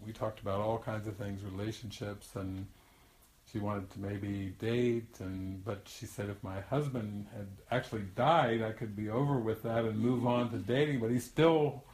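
Recorded in a room with echo, this older spiritual teacher rambles through a lengthy story in a chatty teaching style, frequently restarting and breaking into laughter. He speaks at a moderate pace with a low, darkish voice and fairly even intonation.

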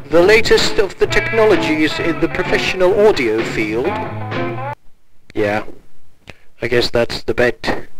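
A man's voice: high voice, rough recording. A man hosting his own video, talking casually and jokingly through a gritty old carbon microphone. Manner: loose, jokey and offhand. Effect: gritty old carbon microphone sound. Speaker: video host. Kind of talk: casual joking demo talk.

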